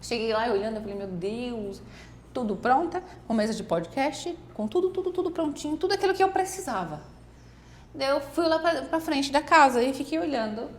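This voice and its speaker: A woman tells a personal faith story in a lively conversational way. Her voice sits fairly high, and she acts out other people's words as she goes. A faint hiss of background noise runs under the recording. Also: fairly quick. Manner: animated storyteller, quotes others often. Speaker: guest. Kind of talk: casual testimony in a faith conversation.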